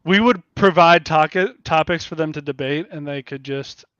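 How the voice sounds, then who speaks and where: Laughing a lot and swearing freely, a Kansas City–area podcast host keeps his chat casual and blunt. He speaks at normal speed in a fairly high, slightly bright voice with no room sound, though the lo-fi recording comes across dull and dry.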